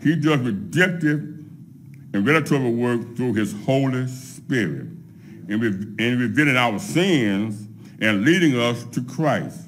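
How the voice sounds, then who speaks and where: A middle-aged man preaching a sermon from a pulpit, laying out his points one by one in a measured way. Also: mid-range voice, animated. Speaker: pastor. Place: church sanctuary at a pulpit, empty pews behind. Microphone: microphone on a pulpit stand.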